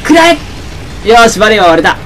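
A young man giving excitable let's-play commentary, often shouting and laughing at the action. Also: high voice, fast talker, slight background noise. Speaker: game commentator.

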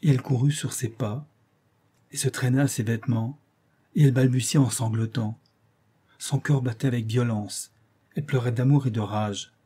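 A man reading a literary audiobook aloud with measured, expressive narration. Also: mid-range voice, husky. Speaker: audiobook reader.

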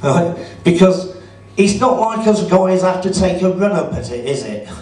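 A man's voice: high-pitched, normal speed, darkish tone. A middle-aged man doing a stand-up comedy set in a club, chatty and sarcastic as he teases the crowd. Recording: roomy audio from a distance.

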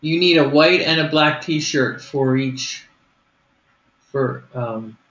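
A man's voice: a little high, takes it slowly, fairly bright tone. Guy on a group call talking thru a skit plan step by step, middle voice, echoey muffled sound. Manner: explains step by step, thinking aloud. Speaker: group leader planning a skit. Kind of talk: casual planning on a group call.

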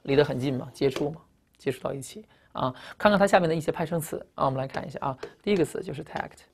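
A woman's voice: deep voice, fast talker, gravelly, a little mellow, husky. A woman with Chinese as her first language teaching English vocabulary in a recorded lecture, emphatic, asking rhetorical questions and spelling out word roots.

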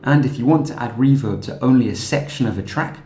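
A man narrating a scripted software tutorial in a calm, steady, explanatory way. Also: medium pitch, brisk, roomy sound.

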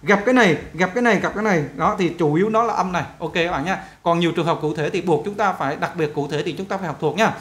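A male English teacher, giving a pronunciation lesson and saying example words slowly, stretching the vowels. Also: high voice, fairly bright tone.

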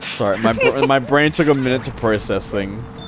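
A man chatting casually while playing a video game, excitable, laughing and swearing often. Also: mid-range voice, moderate pace, over loud music. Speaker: gamer. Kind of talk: casual gameplay chat.

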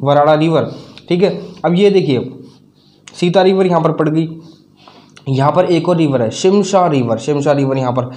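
A man from North India teaching a map lesson, halting over names and asking and answering his own questions. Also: medium pitch, darkish tone. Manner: halting, repeats names, asks and answers himself.

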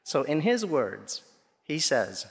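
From the pulpit of a large church, a middle-aged man gives a Sunday homily through gooseneck and lapel mics, with a long hall reverb. His gravelly voice is a little high for a man and very animated, yet deliberate, with pauses between phrases.

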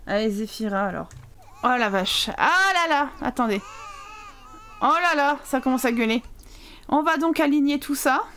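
A young woman with a high voice talks through a video game as a let's play commentator. She is excitable, laughs a lot and yells at the game with casual swearing. A faint hiss of noise sits under her voice. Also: moderate pace, long pauses. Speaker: gaming channel host.

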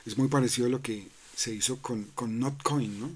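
A man's voice: medium pitch, moderate pace, breathy edge. A man hosting a crypto channel, talking loosely through a screen-recorded walkthrough, full of fillers, restarts and tag questions. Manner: loose and conversational, many fillers and restarts, asks "¿no?".

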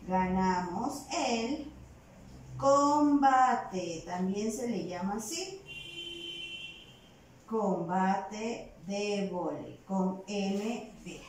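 A woman teaching a virtual primary class, dictating words slowly and patiently, syllable by syllable, recorded away from the mic in a room with echo. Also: medium pitch, expressive, distant mic, a little hiss or hum.

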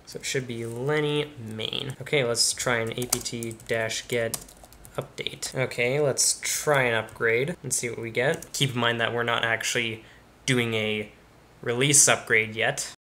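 A young man with a pushed, bright, medium-pitched voice hosts a tech channel and casually explains each stage of a computer install as he performs it. It's a screen-recorded tutorial made in a bedroom studio with computer screens in the background, and there's a little background noise.

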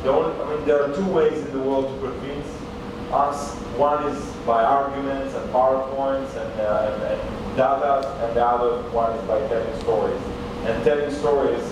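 A man's voice: mid-range voice, fairly even intonation, normal speed. A man in his thirties with an Israeli accent, a panelist and author telling a story with many restarts and hesitations. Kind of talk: panel discussion answer. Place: large hall at a panel table. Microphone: table mic, recorded by a far camera. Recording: echoey hall from far off, noisy.

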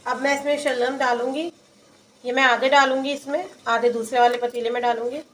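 A woman's voice: high voice, fairly even intonation, a little fast, echoey room, slight background noise. A woman hosting a cooking channel, narrating a home recipe step by step as she works in her kitchen. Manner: plain, explains each step as she works.

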